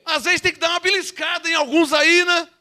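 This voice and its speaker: A Brazilian man with a very high, bright voice preaching a sermon. He teaches emphatically and keeps firing rhetorical questions at his listeners. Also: fairly even intonation, fairly quick. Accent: Brazilian Portuguese. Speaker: pastor.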